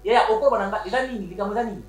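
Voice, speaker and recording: A man's voice: high-pitched, very fast, close to an everyday voice. An actor with a Congolese French accent playing a wealthy man who looks after his siblings, switching between French and Lingala. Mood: pleading, worried. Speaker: wealthy family head. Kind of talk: Congolese TV series acting. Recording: roomy room with background music.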